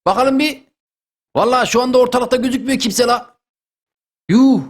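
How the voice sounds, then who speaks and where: Young man, gaming host, high voice, excitable, shouts and repeats himself, lively play-by-play. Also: normal speed. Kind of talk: excited gameplay commentary.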